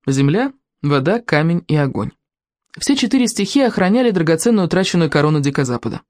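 An audiobook narrator reading a children's adventure story with lively, expressive storytelling. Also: medium pitch, quick pace, dry recording, clean studio sound.

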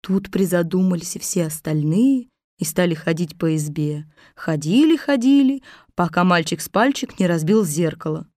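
A woman narrating a fairy tale with expressive storytelling. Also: fairly low pitch, moderate pace, dry recording, clean studio sound.

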